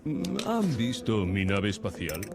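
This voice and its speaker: A man playing a grandiose, gallant toy space hero with a Spanish accent and theatrical delivery in an animated film. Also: fairly low pitch, moderate pace, creaky. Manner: dramatic, theatrical. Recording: loud film music behind.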